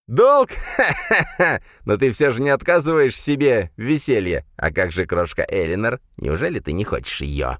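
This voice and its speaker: A man with a very deep voice voicing a mocking, cruel inner darkness that taunts its host, in an audiobook reading. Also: big pitch swings, normal speed, few pauses, a bit bright, no echo, studio quality, exaggerated voice. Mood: jeering.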